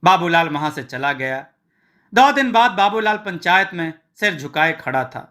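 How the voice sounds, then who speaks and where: A man reading a scripted story in a steady, plain way and voicing every character himself. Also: on the high side, normal speed.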